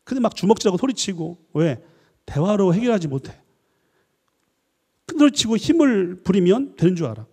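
A lecturing man with a high, hugely lively voice, joking and throwing questions at his audience. His tone is mellow and a little husky. The long reverb of a church hall rings behind every phrase. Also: moderate pace, pauses often. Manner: animated, jokey, asks the audience questions. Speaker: professor giving a lecture.

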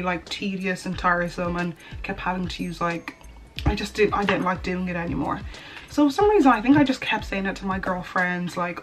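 Sitting in a small bedroom with the camera in front of her at desk distance, a young woman beauty vlogger chats casually, wandering off topic and often correcting herself. She has a medium-pitched, slightly bright voice.

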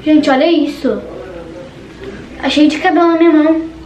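Nervous high-voiced girl vlogging. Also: steady tone, moderate pace, a little mellow, distant mic, faint music behind. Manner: nervous, chatty, says "gente" constantly. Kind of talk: casual vlog chat. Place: bedroom at home. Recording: echoey room with background noise. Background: household noise.

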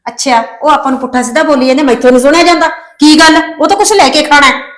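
A woman's voice: sits high, fast talker, close to an everyday voice. An actress playing a quarrelsome, proud middle-aged village mother who scolds and complains indignantly in a family drama. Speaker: mother of a married daughter. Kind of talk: rural family drama acting.

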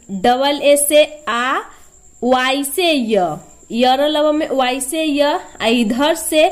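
Slow, high-voiced woman teacher. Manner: patient, repeats each sound, asks and answers her own questions. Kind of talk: slow step-by-step spelling lesson.

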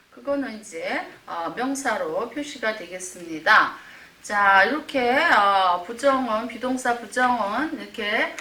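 A woman's voice: fairly high pitch, bright, forceful tone. A woman teaching English grammar to older learners in a recorded online class, explaining patiently with many fillers and reading English examples in a Korean accent. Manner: drawn-out English example sentences. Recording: roomy, slightly distant mic with faint background hiss.

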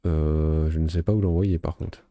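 Man, let's play commentator, low gravelly voice, dark dry close sound, relaxed thinking aloud. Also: moderate pace, no echo, muffled recording. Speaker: gaming video host.

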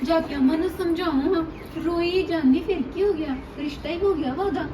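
Actress as fast, high daughter-in-law, needling, distant mic, noisy. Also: female voice. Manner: needling, quick retorts. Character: sharp-tongued young daughter-in-law, meddling. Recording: distant mic with background noise.

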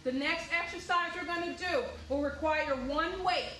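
This young aerobics instructor's voice is very high-pitched, pushed and bright, delivered at a normal speed as she gives short motivational cues and counts through a workout. A camera or phone a few steps away in a medium-sized indoor room with a hard floor captures a reverberant, rough recording.

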